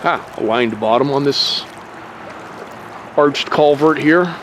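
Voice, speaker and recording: A man talks his way through a hike in the woods in a loose, rambling manner, with plenty of fillers and the occasional curse. His voice sits at an ordinary middle pitch. It is captured on a handheld camera outdoors, with a faint hiss of open air and flowing water behind him. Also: takes it slowly, rough recording. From Pennsylvania. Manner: relaxed and rambling, with frequent fillers and mild swearing. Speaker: nature vlogger. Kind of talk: casual hiking narration.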